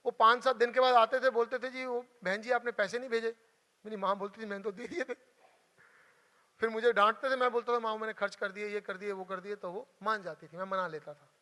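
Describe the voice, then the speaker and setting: High bright-voiced man, earnest storyteller. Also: fairly even intonation, fairly quick. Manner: emotional, earnest, repeats for emphasis. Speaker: motivational speaker. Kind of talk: motivational storytelling talk. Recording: hall reverb.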